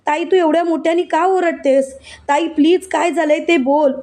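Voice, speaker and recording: Brief: high, pleading college-girl sister, read by a woman narrator, anxious in a story recap. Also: fairly even intonation, moderate pace, a little mellow, roomy sound.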